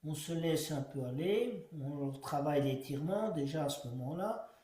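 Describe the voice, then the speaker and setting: A man guiding a yoga class, giving slow, calm cues timed to the breath. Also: fairly high pitch. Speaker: yoga teacher. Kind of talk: guided yoga class instruction. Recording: echoey room, voice from far off.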